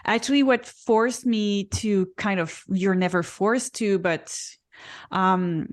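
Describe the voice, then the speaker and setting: A woman in her forties, an Akashic reader, co-hosts a casual spiritual podcast. Her pitch is in an ordinary middle range, and she speaks unhurriedly and deliberately, pausing often and saying "um" as she recalls her story.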